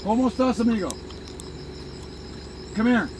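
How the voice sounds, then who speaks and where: A man's voice: very high voice, normal speed, background noise. A man on patrol calling out to someone outdoors, caught on a handheld camera. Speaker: patrol member. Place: outdoors at night in brush. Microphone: handheld camera mic.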